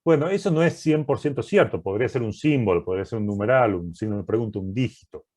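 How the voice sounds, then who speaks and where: A man's voice: on the low side, lively intonation, quick pace, a little mellow. A man teaching a programming class, walking through code step by step and often checking that students follow. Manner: methodical, keeps checking understanding with "¿sí?".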